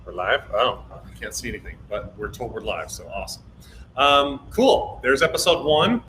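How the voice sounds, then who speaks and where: A man's voice: medium pitch, expressive, normal speed, bright, forceful tone. A man hosting a livestream, chatting casually about a show he works on. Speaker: livestream host, show creator. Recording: echoey room, faint background noise.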